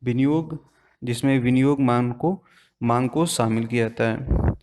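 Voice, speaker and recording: There's background noise as a man teaches an exam-prep lesson in an unhurried way. A teacher with an ordinary mid-range pitch, he proceeds step by step, frequently questioning the class and answering himself.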